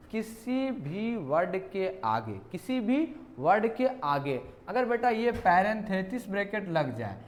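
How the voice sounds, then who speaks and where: A male teacher, walking students through exam questions. He talks playfully and keeps asking questions back to the class. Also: sits high. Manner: playful, repeats questions to students, calls them "beta". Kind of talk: exam question walkthrough lesson.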